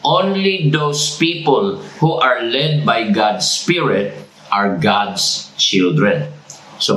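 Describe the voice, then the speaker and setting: A man with a Cebuano accent preaching a sermon as pastor, repeating each point deliberately and prompting the congregation to say phrases back. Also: mid-range voice, fairly bright tone, roomy sound, low-quality recording. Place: church sanctuary.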